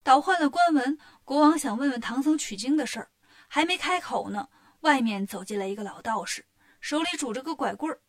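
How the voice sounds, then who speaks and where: Brief: woman storyteller for kids, fairly high voice, lively and plain. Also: brisk. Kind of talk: children's story narration.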